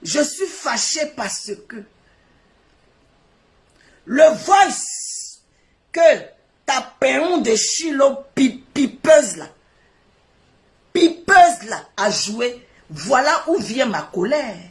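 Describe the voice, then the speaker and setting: A woman's voice: high-pitched, very animated, extremely slow, long pauses. A woman on a live stream, scolding and mocking a rival in a heated, repetitive rant.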